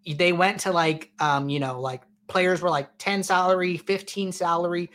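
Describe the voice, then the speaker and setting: Chatty man with a slightly high voice. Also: fairly even intonation, normal speed, a bit bright. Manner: loose and chatty, many fillers and restarts. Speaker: host answering viewer questions. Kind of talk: casual live-stream Q&A explanation.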